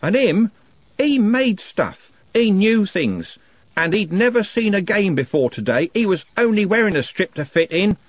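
A raging young street lad hollers in a high, strained voice, ranting at everyone in reach, as a husky-voiced man puts him on. The lines are dry and close, with the pitch leaping around. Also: huge pitch swings, slow, pauses often, dry recording, heavily acted. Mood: furious. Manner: shouting, ranting in outrage.

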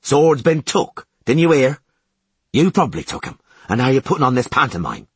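A man's voice: medium pitch, sing-song, normal speed, breathy edge, no echo, voice pushed up, heavily acted. A man voicing a brawny, crude female guard commandant who talks in a coarse, bullying way. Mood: hostile.

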